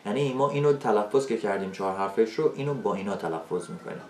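Low-voiced man teaching in an echoey room. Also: expressive, a little mellow. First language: Persian. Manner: explains with many rhetorical questions and slow spoken examples. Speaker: English teacher. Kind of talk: explanatory video lesson.

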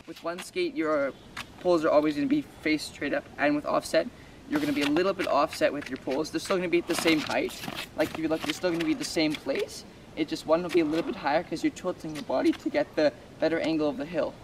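A young man walks beginners through ski technique in a relaxed, step-by-step way, with plenty of fillers. His voice sits a little high and is picked up from a distance outdoors, with clear background noise. It sounds like a camera recording on a snowy trail. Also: fast talker. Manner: casual, explains step by step with fillers. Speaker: ski instructor. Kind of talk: outdoor instructional talk.

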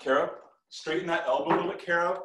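This kung fu teacher, a middle-aged man, speaks fast in a fairly high, steady, slightly bright voice while issuing brief commands and encouragement. He's in a medium-sized living room, picked up from across the room with a roomy echo.

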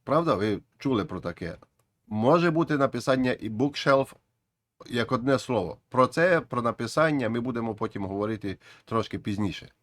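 A man's voice: mid-range voice, expressive, brisk, fairly bright tone, no echo. A man explaining an English grammar lesson patiently, with frequent restarts and repeated phrases. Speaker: English teacher.

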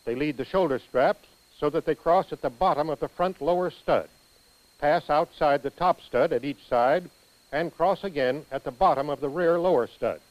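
Speaking with a fairly high pitch, this American man delivers a training film's scripted instructional narration in a careful, measured way. The recording quality is low.

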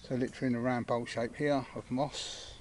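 A middle-aged Englishman vlogs from a woodland camp, chatting in a relaxed, upbeat, brisk way at medium pitch. He films himself outdoors with a handheld action camera held at arm's length, and there's a little hiss or hum.

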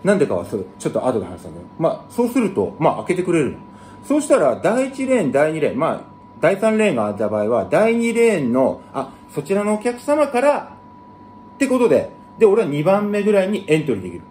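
A man hosting his own channel, talking bluntly in rough, slangy casual speech and explaining things to viewers. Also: huge pitch swings, fast, a little mellow, a little hiss or hum. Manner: blunt, rough slangy talk with big jumps in pitch. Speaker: channel host. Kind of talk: casual monologue to camera.

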